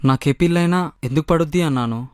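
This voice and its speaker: A man's voice: fairly high pitch, rapid-fire. A young man with a Telangana Telugu accent, playing a friend in a comedy sketch, with a wry, self-deprecating manner.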